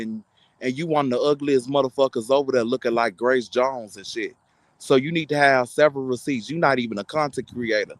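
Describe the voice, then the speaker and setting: A man's voice: medium pitch, dry recording, rough recording. A content creator, a man, delivering a heated, insulting, mocking rant to his online audience.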